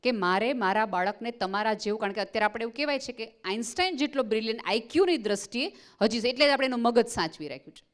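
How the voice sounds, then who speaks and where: A woman's voice: a little high, very fast. A woman speaking at a parenting seminar, talking earnestly to parents and slipping into quoted voices as she tells stories. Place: school seminar hall.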